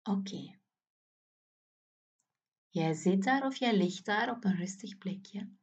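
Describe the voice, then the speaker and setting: Woman, calm relaxation guide, very slow, breathy, dull lo-fi sound. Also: mid-range voice. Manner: slow, soothing, often drops to a whisper. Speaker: relaxation exercise guide for children.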